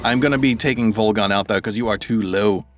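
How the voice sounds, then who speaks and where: A man's voice: fairly low pitch, fairly quick, faint music behind. A man giving casual let's-play commentary, thinking aloud and rambling as he plays. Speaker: gaming video creator.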